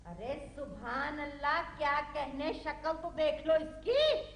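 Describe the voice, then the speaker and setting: An actress playing a sarcastic, sharp-tongued middle-aged mother who scolds her family. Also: medium pitch, lively intonation, takes it slowly, a little hiss or hum. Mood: scolding. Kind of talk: TV drama acting.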